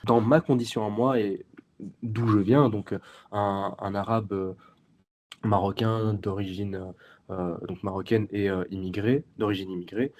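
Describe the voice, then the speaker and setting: A young man of twenty-one with a Belgian French accent, speaking in a fairly low, mellow voice. He explains his views earnestly, step by step, as a guest in an interview. He often hesitates and restarts his sentences. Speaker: guest, youth party section president. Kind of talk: interview answers.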